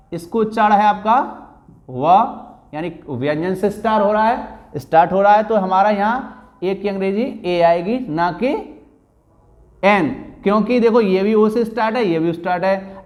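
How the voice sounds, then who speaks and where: A man's voice: high-pitched, highs cut off. A male teacher explaining grammar to pupils in a classroom lesson, drawing out words and repeating the answers.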